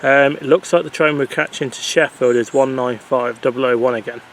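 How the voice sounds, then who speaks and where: A man talks in a chatty, rambling way to a handheld camera, his voice sitting at an ordinary middle pitch. He is outdoors, with a faint hum of wind and distant traffic under his voice. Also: steady tone, fairly quick, a bit bright. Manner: chatty, rambling, self-correcting. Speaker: travel vlogger. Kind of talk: casual walking vlog commentary. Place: outdoors in countryside and on a rail platform. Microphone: handheld camera mic. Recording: faint outdoor background noise.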